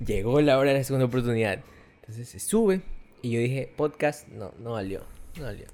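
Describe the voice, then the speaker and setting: A young man with an Ecuadorian accent, co-hosting a podcast and telling a story in casual chat, animated and quick to laugh. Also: medium pitch. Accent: Ecuadorian Spanish. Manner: animated, laughs often, acts out quoted voices. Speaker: podcast co-host.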